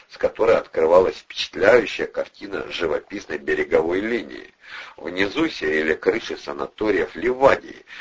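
A man narrating an audiobook, steady scripted storytelling. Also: sits low, breathy edge, muffled recording.

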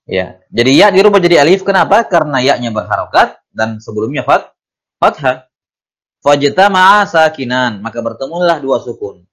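A man's voice: mid-range voice, sing-song, fairly bright tone. Man teaching Arabic grammar from a classical text. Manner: reads Arabic text slowly, then explains it in quick Indonesian; asks the class questions and answers them himself. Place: study class.

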